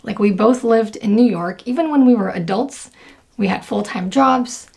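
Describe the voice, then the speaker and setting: Gravelly-voiced young woman chatting casually. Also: on the high side, moderate pace, darkish tone. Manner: chatty, lots of fillers and laughs. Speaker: video creator. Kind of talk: casual talk to camera.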